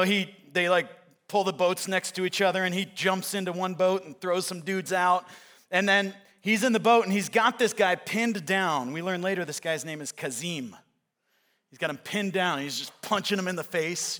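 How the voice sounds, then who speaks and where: Guy pastor giving a sermon in church, high bright voice, chatty and animated. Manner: conversational, animated storytelling with acted-out movie quotes. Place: church sanctuary.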